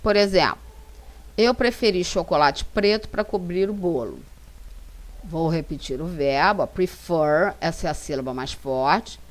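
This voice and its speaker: Brazilian woman teacher with a Brazilian Portuguese accent, patient slide-lesson narration, a bit low-pitched. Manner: slow, careful dictation of example sentences. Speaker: English teacher. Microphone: voice-over for slides.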